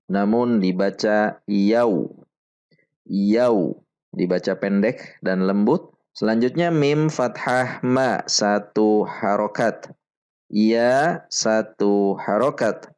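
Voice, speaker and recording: A man teaching Quran recitation rules step by step, slowly repeating each syllable for drill. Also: a little mellow, clear, resonant tone. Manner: chants the Arabic verses in a higher, fuller voice. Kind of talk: slow step-by-step tajwid lesson.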